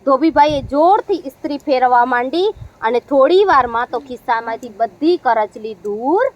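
High-voiced woman teacher telling a story. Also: animated, moderate pace, dull audio. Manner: explains to the class with questions, playful. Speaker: primary school teacher. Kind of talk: storytelling lesson for children.

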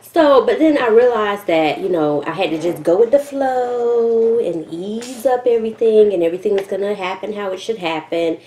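Seated at a table in a kitchen, this mukbang vlogger in her thirties chats to camera as she eats, her words mixed with chewing. She has a mid-range, dark-toned voice with lively intonation, speaking at normal speed and barely pausing. There's an echoey room sound and faint noise.

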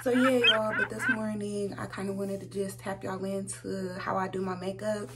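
In a small room at home, a young American woman in her twenties gives an informal, slang-filled makeup tutorial. She speaks at a moderate pace with medium pitch, a flat delivery and a slightly bright quality. The recording is noisy and has a hum.

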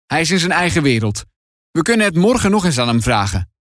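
A man's voice: fairly high pitch, big pitch swings, fast talker, a bit bright, no room sound, studio quality. A man voicing a blunt, determined boy in a storybook reading, matter-of-fact.

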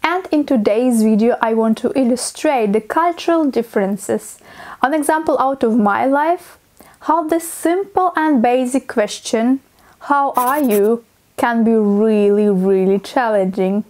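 Expressive young woman with a Russian accent. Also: a little high, unhurried. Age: young adult. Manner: expressive, acts out little scenes with her hands. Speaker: vlogger. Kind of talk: scripted talking-head vlog. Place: small dim room indoors.

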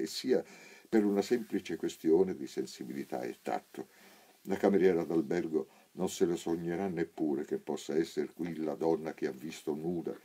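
A man narrating a literary audiobook with a very low, dark voice. His tone is husky and mellow, and he tells the story at an unhurried, measured pace. He lifts his pitch when quoting characters. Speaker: actor reading a novel aloud.

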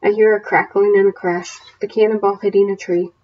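A woman teacher reading a novel aloud to her class, then setting homework questions in a steady, plain voice with small self-corrections. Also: mid-range voice, a little fast, muffled recording.

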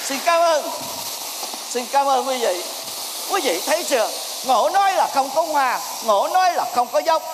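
High-pitched guy yelling at his student, stage sketch, echoey hall. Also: animated, normal speed, noisy background. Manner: scolding, exasperated, theatrical. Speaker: circus troupe master in a comedy sketch. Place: theater stage. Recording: stage recording with long hall reverb.

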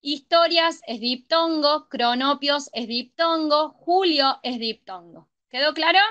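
A woman tutors a grammar class, her voice high and bright. She moves through examples step by step and keeps checking that her students are following. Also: slow, highs cut off. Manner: checks understanding with frequent ¿sí? and ¿estamos?.

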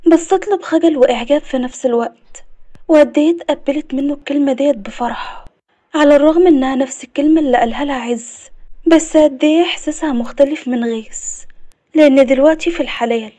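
Egyptian woman, story narrator, high voice, fast pace, mellow tone. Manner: brisk storytelling.

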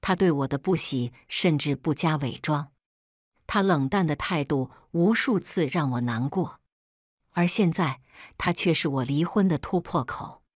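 Woman storyteller, steady scripted read, lowish and dry. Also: a little slow, dry recording. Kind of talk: first-person scripted story narration.

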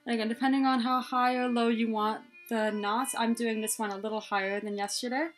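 Filmed in a small room before a plain wall, a young woman walks through a head scarf tutorial step by step in a chatty, informal way. She speaks fairly quickly with a fairly high, fairly even voice, and soft music plays behind her.

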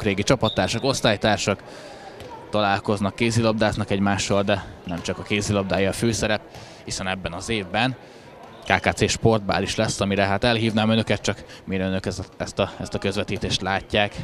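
Low-pitched man commentating on handball. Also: steady tone, a bit bright. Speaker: sports commentator. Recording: crowd noise in sports hall. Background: crowd in a sports hall.

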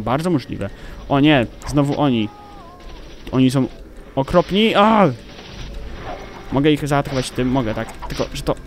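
A young man, commentating his gameplay with excited outbursts and swearing. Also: mid-range voice, a little hiss or hum. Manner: excitable, exclaiming and swearing at the game. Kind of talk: let's play commentary. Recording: game music playing behind.

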